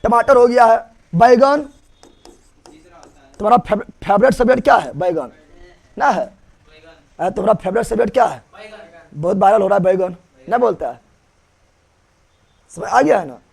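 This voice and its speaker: Gravelly high-voiced teacher quizzing fast. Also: male voice, animated. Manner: rapid-fire quizzing, repeating key terms. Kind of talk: classroom-style online lesson.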